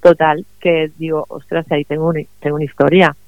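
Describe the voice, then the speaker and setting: A middle-aged woman from Cuba, a guest writer speaking warmly and laughing often in a remote radio interview. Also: low voice, level tone, fairly quick, no echo, phone-quality sound. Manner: warm, enthusiastic, laughs often.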